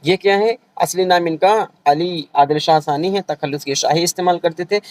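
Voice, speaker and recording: A man teaching an online revision lecture for a language exam, explaining patiently and repeating each point, often pausing to check that the students are following. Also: fairly high pitch, low-quality recording. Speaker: Urdu exam-prep teacher.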